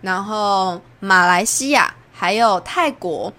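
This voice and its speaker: A woman's voice: takes it slowly, bright, forceful tone. Chatty young Taiwanese woman telling stories. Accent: Taiwanese Mandarin. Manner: chatty, acts out quoted lines with big pitch jumps. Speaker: podcast host. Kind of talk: casual storytelling monologue.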